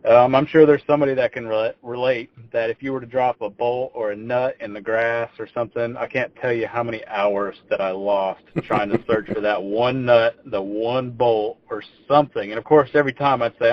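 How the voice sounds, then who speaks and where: This young Texas man, in his 20s, talks briskly with hardly any pauses, his mid-range voice keeping fairly even intonation. As a podcast guest he tells his story in a rambling, casual way, repeating words at the starts of phrases. The audio is dull and lo-fi.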